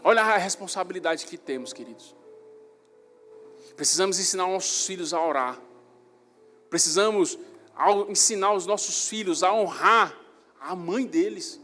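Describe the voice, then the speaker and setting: High-voiced pastor preaching in a reverberant hall. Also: male voice, normal speed, long pauses. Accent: Northeastern Brazilian. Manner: animated storytelling, rising loud on emphasis. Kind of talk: sermon. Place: church hall. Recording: reverberant church hall with faint music.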